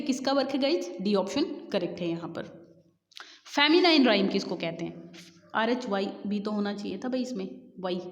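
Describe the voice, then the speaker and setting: A woman teaching English literature for exam prep, chatting with viewers and reading questions out slowly. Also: fairly high pitch. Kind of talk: exam-prep lesson in Hindi-English mix. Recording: dull lo-fi sound with long reverb.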